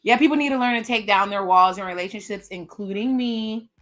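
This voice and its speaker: This reaction video host speaks a little fast in a medium-pitched, somewhat bright voice. On her live stream she chats casually about a dating show, recapping the cast's lines and tossing in asides.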